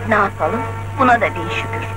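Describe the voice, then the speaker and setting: An actress playing a worried, caring middle-aged wife in a 1970s film drama, fretful and pleading. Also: female voice, mid-range voice, brisk, lightly acted, rough recording. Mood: resigned, caring. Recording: old film soundtrack under loud music.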